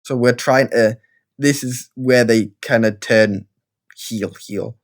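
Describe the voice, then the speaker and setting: A man's voice: mid-range voice, steady tone, slow pace. Chatty Geordie man narrating gameplay. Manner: rambling, self-deprecating, chatty. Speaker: gaming video creator. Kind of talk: casual let's-play commentary.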